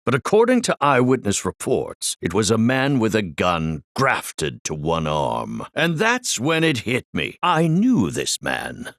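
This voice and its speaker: A man's voice: lowish voice, wildly swooping pitch, a little slow, hardly any pauses, fairly bright tone, dry recording, studio quality, full character voice. An actor playing a flamboyant, vain, muscle-bound amusement park director in a video game, with a grandiose showman's manner and formal, flowery diction. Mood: grave, stern. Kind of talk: theatrical video game voice acting.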